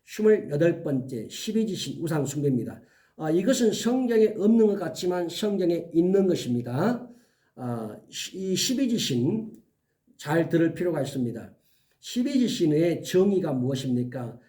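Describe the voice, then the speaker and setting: A male pastor preaching an earnest sermon, giving emphatic warnings and slowly listing items one by one. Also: fairly high pitch, big pitch swings, dark tone, far from the mic.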